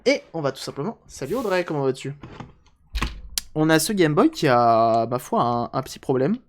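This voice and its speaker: A man's voice: a little high, animated, normal speed. A man chatting casually on a live stream while repairing a handheld console, joking and answering chat aloud.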